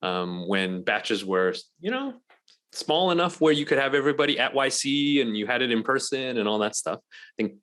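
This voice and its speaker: A man's voice: medium pitch, expressive, normal speed, fairly bright tone. A man from Malaysia, a guest on an interview podcast, talking casually with many ums and restarts. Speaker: guest, venture investor.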